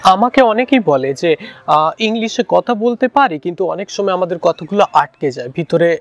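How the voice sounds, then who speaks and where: Gravelly-voiced Bengali man teaching English. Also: sits high, moderate pace. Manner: relaxed, with frequent fillers and restarts. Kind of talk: casual instructional talk.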